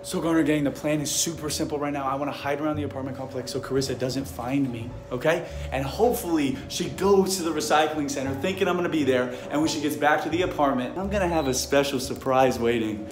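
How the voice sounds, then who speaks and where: A young man talks straight to the camera in a casual vlog. His voice sits a little high, and his talk is excitable. He often slips into a hushed whisper. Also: quick pace, hardly any pauses, music in the background. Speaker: prank vlogger.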